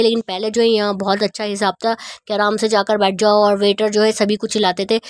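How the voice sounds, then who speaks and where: A woman's voice: mid-range voice, no echo, studio quality. A woman in her thirties narrating a family vlog in a casual, rambling way with many fillers. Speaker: family vlogger. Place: outdoors on a city street at night. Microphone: phone held at arm's length.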